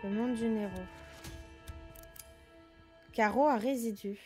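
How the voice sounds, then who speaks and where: A woman's voice: fairly high pitch, slow, dark tone, soft background music. A woman giving casual gameplay commentary, speaking informally and directly to her viewers. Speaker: gamer.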